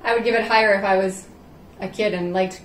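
A woman's voice: mid-range voice, steady tone, a little fast, slight background noise. A woman chatting casually and frankly while tasting snacks on camera. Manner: frank, chatty food taster. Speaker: vlog host. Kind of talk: casual chat. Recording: echoey room with faint ambience.

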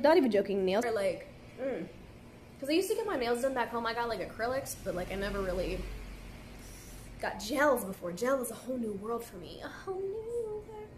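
A young woman with a slightly high, darkish voice chats in a laid-back way on a live stream, answering viewer comments and saying "like" a lot. She holds her phone at arm's length in an indoor café at night, with a faint hum in the background.

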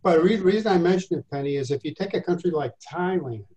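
A man's voice: on the high side, lively intonation, fast talker, highs cut off, crowd noise. An older man teaching a history lecture over a video call, conversational, with rhetorical questions and wry asides. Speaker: instructor.

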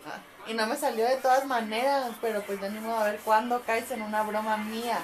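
A young woman with a Mexican accent and a high, bright-pitched voice chats casually on a home vlog. She is excitable and giggles through much of what she says. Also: fairly quick, noisy background. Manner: giggly, excitable, laughs through her words. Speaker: vlogger. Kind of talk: casual chat.

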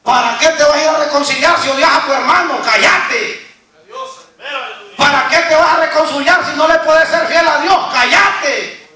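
A scornful male demon , voiced by a preacher, bullies sinners into silence in a high, piercing voice. Each taunt ends in a curt order to shut up. The sound comes from some distance away, swimming in the echo of a large church hall. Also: normal speed, bright, forceful tone, heavily acted. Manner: mocking, snaps "cállate".

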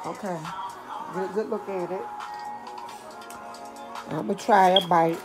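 An older woman reviewing fast food in casual chat, talking straight to her viewers. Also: lowish voice, steady tone, over music. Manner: chatty, talks straight to viewers.

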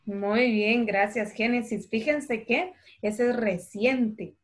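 A woman teaching a primary class over a video call, patient and affectionate, dictating words slowly and clearly. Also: on the high side.

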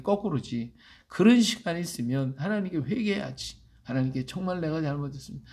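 A man's voice: on the high side, gravelly, darkish tone, breathy edge. A man preaching as a pastor, reading scripture aloud and explaining it, often asking his listeners "예?" to pull them along. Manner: emphatic, asks the congregation "예?" for agreement. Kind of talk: Bible reading with sermon commentary.

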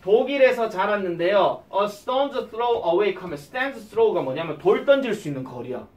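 A male English teacher, giving an exam-prep lecture and quizzing his students with quick questions. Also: high voice, animated, echoey room, distant mic.

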